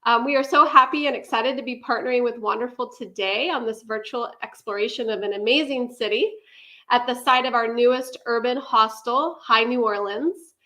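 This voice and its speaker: A woman guest giving a prepared presentation, measured with frequent ums. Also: a little high, pushed and bright. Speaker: guest speaker.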